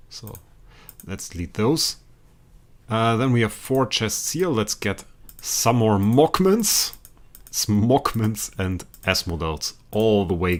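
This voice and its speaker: Streaming a game, a young German man with a voice on the low side chats with viewers in a rambling, repetitive way. Frequent laughter and sudden excited outbursts run through his talk.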